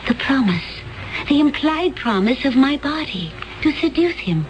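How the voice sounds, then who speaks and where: In a 1970s radio drama, an actress plays a cold, vicious assassin from another planet, intense and gloating, sometimes dropping to a hushed whisper. Her high voice is sing-song and unhurried, with a haunted mood, and the recording is rough.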